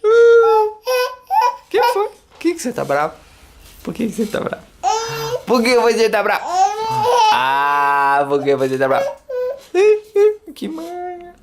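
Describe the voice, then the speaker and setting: A man's voice: a little high, expressive, normal speed, pauses often. A father filming his baby at home and coaxing him in sing-song, playful baby talk. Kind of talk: home video, talking to an infant. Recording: home camera with clear background noise.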